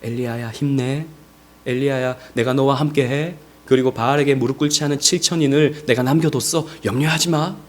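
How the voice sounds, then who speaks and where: A man voicing God as a reassuring figure who speaks slowly and soothingly to a frightened man. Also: high voice, lively intonation, a bit bright, pitched above the performer's own voice, exaggerated voice. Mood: gentle. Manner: slow, deliberate and soothing.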